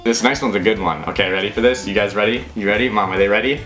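A man's voice: fairly low pitch, fast, a bit bright, roomy sound, faint music behind. A playful young man with a Minnesotan accent, teasing and bantering casually as he hosts a pronunciation challenge. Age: young adult. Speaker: host. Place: small indoor room, wood-panelled.

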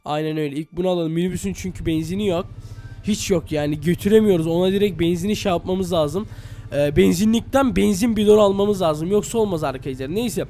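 Fast-talking high-voiced man. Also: warm tone, soft background music. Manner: chatty, keeps addressing viewers. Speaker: YouTuber. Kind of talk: Minecraft role-play.

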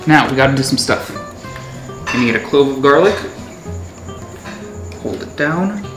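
A young man casually talking through a cooking demo in a home kitchen, relaxed and laughing often. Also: medium pitch, moderate pace. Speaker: home cook host. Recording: roomy kitchen with background music.

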